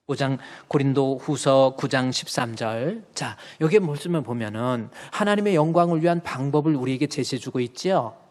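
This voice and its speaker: A man preaching a sermon as pastor, talking conversationally and acting out short quoted lines, swinging between loud jabs and soft intimate asides. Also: medium pitch, animated, moderate pace, hardly any pauses. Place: church sanctuary. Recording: long church reverb.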